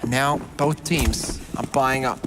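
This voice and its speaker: A man's voice: mid-range voice, steady tone, measured pace, noisy background. A man working as an esports caster, giving live match commentary and recapping each round.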